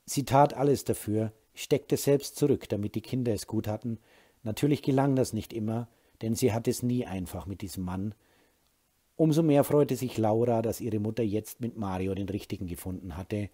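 A man narrating an audiobook in a calm, even storytelling manner with a husky voice. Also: on the low side.

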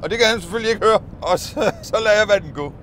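A man's voice: high-pitched, fairly bright tone, slight background noise. A man vlogging, casually telling childhood stories, rambling with restarts, swearing and laughing often. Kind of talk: casual storytelling of childhood memories.

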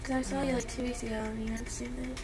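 A woman's voice: fairly high pitch, flat delivery, very fast, background noise. A woman chatting casually and informally. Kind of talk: casual chat.

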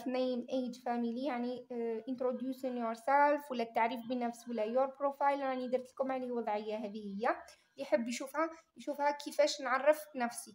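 A woman teacher with an Algerian Arabic accent walks students through English exam questions. Her voice sits high. She reads each English line slowly and deliberately before explaining it. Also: a little mellow. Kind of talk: exam-prep lesson.

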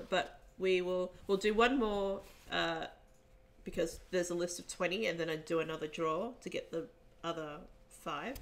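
A woman hosts a casual giveaway draw, chatting and laughing as she reads out each winner. She talks at an unhurried pace. Paper crinkles loudly around her in a noisy room. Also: lowish voice. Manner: chatty, laughs often, reads names aloud slowly. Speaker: host drawing giveaway winners. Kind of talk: casual chat.

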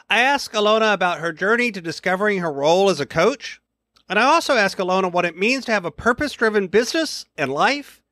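A man hosting a podcast, reading a scripted intro and asking interview questions in an earnest, measured way. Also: high-pitched, sharp tone, no room sound. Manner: earnest, measured announcer delivery. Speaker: podcast host.

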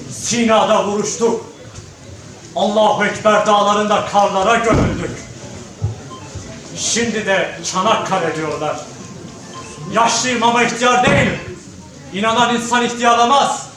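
Heard from far away in a hugely echoing hall, a proud ageing veteran played by a male actor declaims on stage. His voice is high for a man, with solemn, emphatic patriotic delivery. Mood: proud, mournful. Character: proud ageing one-armed war veteran father. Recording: very echoey noisy hall from far off.

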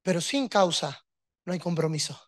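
Emphatic preacher. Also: male voice, fairly high pitch, expressive, normal speed, dry recording, studio quality. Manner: emphatic, rhetorical, with humor. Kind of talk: sermon.

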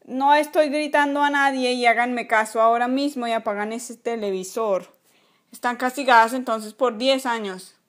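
A woman's voice: a little high, normal speed, close to an everyday voice. A woman voicing a strict, bossy toy father who scolds and barks orders in a toy play video. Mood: stern.

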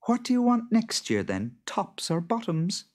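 A storyteller voicing a shrewd farmer's wife in a children's storybook, brisk, bossy and knowing. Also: medium pitch, big pitch swings, voice pushed up. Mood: impatient. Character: Jude's wife, shrewd, brisk farm woman.

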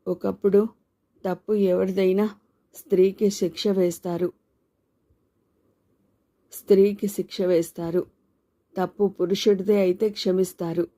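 A woman narrating a novel as an audiobook in a measured, reflective reading. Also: mid-range voice, flat delivery, mellow.

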